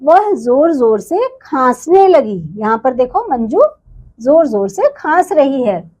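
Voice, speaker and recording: A woman's voice: sits high, big pitch swings, takes it slowly, darkish tone. A woman teacher reading a storybook lesson to young children, explaining and repeating words for them.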